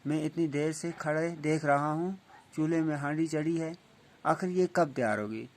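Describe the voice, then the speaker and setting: A teacher doing a caring male ruler in a storybook reading, earnest and concerned. He asks plain questions in a voice a few steps higher than a normal speaking voice. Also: natural voice.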